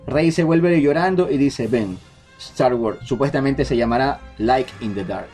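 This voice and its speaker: A man, hosting a casual podcast chat, relaying leaked details in a quick, restarting way. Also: mid-range voice, a little mellow, faint music behind. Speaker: podcast host. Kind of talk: casual group chat about film rumors.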